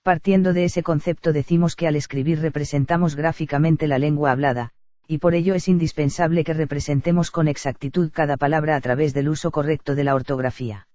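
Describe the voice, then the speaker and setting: A man reading a grammar lesson aloud in a steady, even lecture delivery. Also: fairly high pitch, a little fast, dry recording. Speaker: teacher. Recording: dull lo-fi dry recording.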